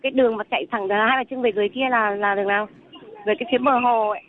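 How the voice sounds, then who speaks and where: A woman's voice: a little high, steady tone, very fast. A woman from Vung Tau who is calling in as a protester and telling her story in an agitated, rambling way. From Vung Tau, southern Vietnam. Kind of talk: phone interview. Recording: tinny phone line with faint noise.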